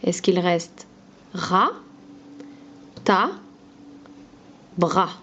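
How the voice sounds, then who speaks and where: A woman teaching a phonics lesson to young children, pronouncing each word slowly and clearly, syllable by syllable. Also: fairly low pitch, lively intonation, bright, forceful tone, muffled recording, a little hiss or hum. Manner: slow, clear syllable-by-syllable pronunciation.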